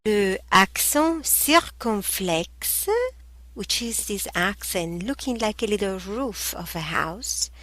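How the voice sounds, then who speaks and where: A woman language teacher giving a slow textbook pronunciation lesson, deliberately enunciating isolated sounds and repeating example words. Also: mid-range voice, a bit bright, no room sound.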